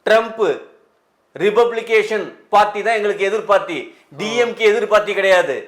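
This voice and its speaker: A film director with a Tamil Nadu accent gives emotional interview answers, tearful and pleading, his voice breaking as he talks. His voice is high-pitched and steady in tone, at a normal speed.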